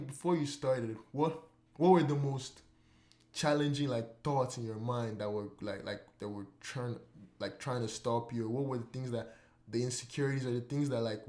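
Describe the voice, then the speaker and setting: A man's voice: medium pitch, fairly even intonation, moderate pace, mellow. A man hosting a casual podcast, mid-range voice, meandering and repeating himself as he works out his point. The recording has a noticeably roomy, echoing sound. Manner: rambling, full of "like" and repeated words. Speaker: podcast host. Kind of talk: casual chat. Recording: roomy echo.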